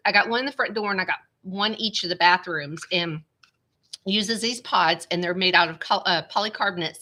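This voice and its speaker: A woman whose voice is on the low side with a sharp tone chats casually on her live stream from her home computer. Congested and stuffy-nosed, she rambles and says "y'all" often, heard through a small webcam.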